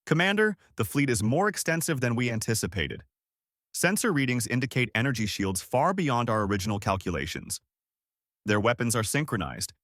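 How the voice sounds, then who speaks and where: A man doing a brisk woman lieutenant. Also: mid-range voice, very animated, fairly bright tone, dry recording, clean studio sound. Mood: urgent. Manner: brisk, analytical reporting. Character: young woman lieutenant, precise and confident.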